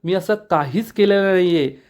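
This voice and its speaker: A man's voice: high-pitched, normal speed, darkish tone, lightly acted. A man reading the lines of an arrogant, abusive husband who angrily denies the charges. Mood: angry. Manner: angry, blustering. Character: bullying older husband, man, arrogant villain. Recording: dull lo-fi recording.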